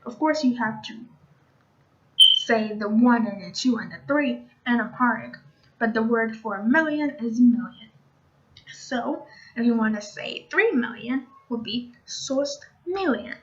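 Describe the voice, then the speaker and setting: Chatty higher-voiced woman teaching online. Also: expressive, fairly bright tone. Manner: chatty, repeats each word slowly for learners. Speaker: language teacher. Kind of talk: casual online language lesson. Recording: dull lo-fi recording.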